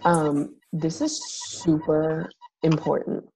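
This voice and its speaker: A woman's voice: low voice, wildly swooping pitch, slow, warm tone, faint music behind, low-quality recording. A woman losing her voice, leading a casual team call in a rambling way, full of fillers, with big jumps when she acts out quotes. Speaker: team leader of fitness coaches.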